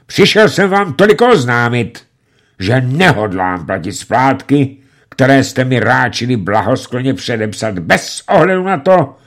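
A man voicing a calm, mock-courteous young gunman. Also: medium pitch, voice pushed up, natural voice. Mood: coolly polite. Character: cool, polite young gunman Bill.

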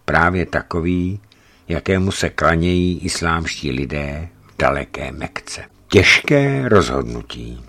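Deep low guy reading a travel book, steady and serious. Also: gravelly. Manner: measured, serious first-person storytelling. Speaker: narrator.

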